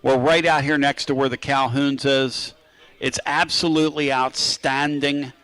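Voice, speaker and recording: A man's voice: mid-range voice, steady tone, measured pace, fairly bright tone, dry recording, rough recording. An American man hosting live sports talk radio, addressing listeners with a ringmaster's showman patter and casual banter. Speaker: sports talk show host. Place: live remote from a restaurant brewery.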